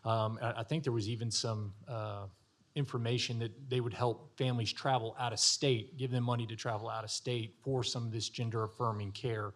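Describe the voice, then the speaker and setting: A male county commissioner giving unscripted remarks at a public meeting, halting and repeating words as he searches for phrasing. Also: medium pitch, steady tone.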